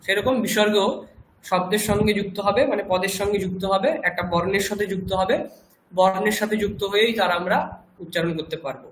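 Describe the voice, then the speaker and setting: A man teaching a Sanskrit lesson in Bengali-accented speech, patiently explaining pronunciation and slowly repeating words for students to copy. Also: sits high, steady tone, fairly bright tone. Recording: echoey room with faint background noise.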